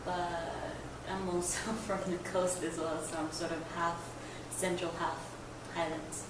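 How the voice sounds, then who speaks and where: Young woman, flat tone, filler-heavy, distant noisy mic. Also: on the low side, a little slow. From Papua New Guinea. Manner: conversational, many fillers like you know. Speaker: interviewee. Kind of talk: casual interview answers. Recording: echoey, distant mic, background noise.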